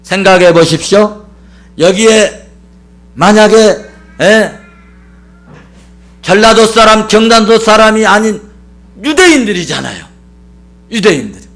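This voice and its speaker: A man's voice: sits high, lively intonation, measured pace, pauses often, fairly bright tone. A male pastor preaching a sermon with emphatic repetition and rhetorical questions to the congregation.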